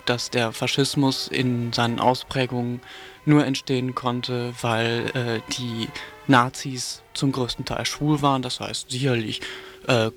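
A man delivers critical radio commentary that is sardonic and polemical, halting often with frequent hesitations. His voice is mid-range.

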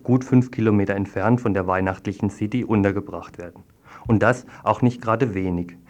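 A man works as a radio reporter, reading a scripted news report and conducting a studio interview in a formal, wordy manner. His voice is lowish with a darkish tone.

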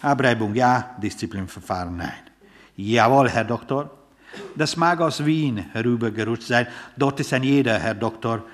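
A man's voice: mid-range voice, moderate pace, close to an everyday voice. A man voicing a pompous, theatrical middle-aged father with a Viennese accent, speaking in grandiloquent, blustering phrases. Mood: smug.

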